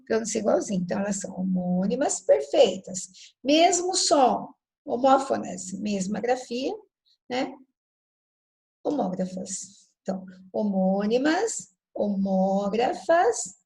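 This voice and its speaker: A woman teaching a recorded lesson, spelling out words slowly, checking that students follow and correcting her own slips. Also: fairly high pitch, expressive, gravelly, warm tone, low-quality recording. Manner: self-correcting, apologetic over slips.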